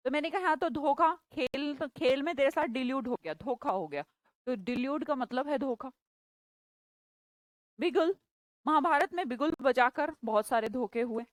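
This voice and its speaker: A woman's voice: high voice, no echo. A woman teaching English vocabulary in a live online class, chatty and playful, teasing her students by name.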